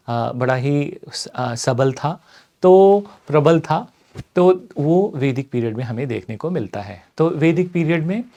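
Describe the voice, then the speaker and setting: A man's voice: a little high, a little mellow. Man giving a patient exam-prep lecture. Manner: explains step by step, often checks in with "okay"; mixes English terms into Hindi. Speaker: teacher.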